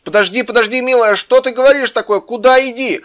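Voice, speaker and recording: A man playing a clumsy, injured young man in an improvised game role-play, groaning and complaining, with quick comebacks. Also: very high-pitched, fairly bright tone. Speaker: Minecraft role-play player.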